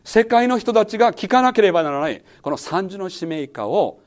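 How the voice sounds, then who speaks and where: A man's voice: high-pitched, sing-song, fairly quick. A man teaching a Bible lesson as pastor, quizzing his listeners and repeating key words. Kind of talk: sermon-style Bible lesson.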